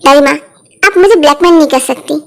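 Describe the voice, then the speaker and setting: A woman's voice: high-pitched, quick pace, gravelly. A woman voicing a stubborn, impatient young grandson who talks in an irritated tone. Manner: pleading then irritated, stubborn.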